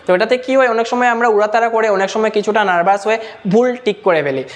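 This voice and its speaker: High-voiced teacher reading exam answers. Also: male voice, a little hiss or hum. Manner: reads English questions slowly, explains in Bengali mixing English terms.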